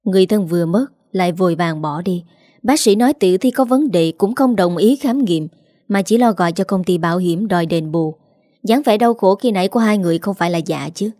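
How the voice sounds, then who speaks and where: A sharp, suspicious young woman, as a woman narrator plays her, pressing her questions in a pointed way. The tone is mellow and dry, close to a plain reading voice. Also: lowish voice, animated, a little fast, no room sound. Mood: probing. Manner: pointed and probing.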